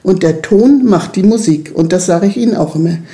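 A middle-aged woman who leads a children's club is interviewed about her work with kids, speaking earnestly and emphatically and often asking "ne?" to check her listener agrees. Her lowish voice is gravelly and mellow, a little fast.

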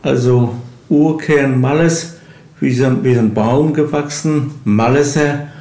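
An older retired man from eastern Germany telling of his work in an interview, haltingly, searching for words. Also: mid-range voice, warm tone. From village in eastern Germany. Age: 60s or older, retired. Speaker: local village chronicler, interview guest. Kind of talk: unhurried interview storytelling. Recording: roomy, echoing interview recording.

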